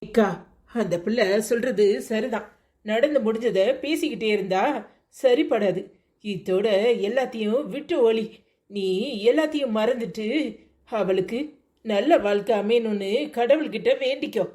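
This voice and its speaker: A reasoning, soothing village woman from a cartoon, voiced by a woman talks in a Tirunelveli Tamil accent. Her voice sits slightly high and stays even. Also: moderate pace, natural voice. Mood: consoling. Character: calm consoling village woman.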